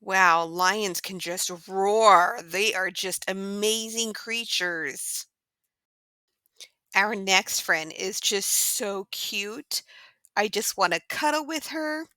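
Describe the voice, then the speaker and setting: A woman's voice: medium pitch, slow, pushed and bright, clear, resonant tone, dry recording. Hammie, a woman voicing a sweet little pixie pig. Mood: sweet, encouraging. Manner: gushing, encouraging, asks kids to join in. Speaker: children's show host. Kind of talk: addressing young children in a farm-sounds lesson.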